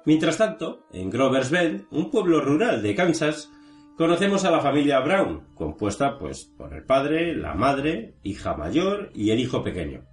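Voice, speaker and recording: A man's voice: mid-range voice, huge pitch swings, a little slow, faint music behind. A man with a Spain accent co-hosting a film show, giving summaries and comments. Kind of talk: scripted plot summary and casual discussion. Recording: roomy, echoey sound.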